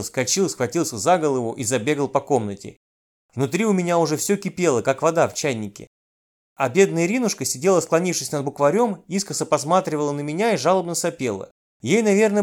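A man reading a children's story aloud with lively, exasperated comic storytelling. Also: a little high, fast talker.

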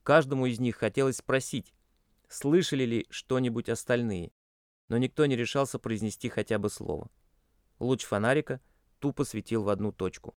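A man reading a suspenseful audiobook with tense, expressive storytelling into a close mic. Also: medium pitch, normal speed, clean tone, no room sound. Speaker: narrator. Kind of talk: dramatic audiobook narration.

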